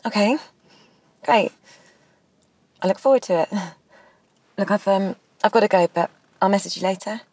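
A woman's voice: medium pitch, moderate pace, long pauses, a little mellow, lightly acted. An actress playing a friendly, hesitant young woman in a sitcom. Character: Steph, warm young woman, Darren's ex. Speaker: supporting character in comedy series. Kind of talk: sitcom acting.

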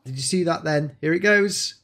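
A man's voice: fairly high pitch, normal speed, a bit bright. A man hosting an enthusiastic gameplay showcase, exclaiming often as he shows off new creatures. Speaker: game showcase host. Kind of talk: excited gameplay commentary.

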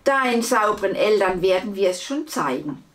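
Woman doing a croaky, giggly ink monster. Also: medium pitch, lively intonation, moderate pace, natural voice. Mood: gleeful. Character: cheeky male ink monster, gleeful and grubby.

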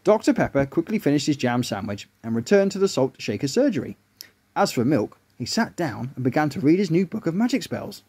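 Lively guy reading a kids story, breathy, voice goes all over. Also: on the high side, brisk. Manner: lively, animated.

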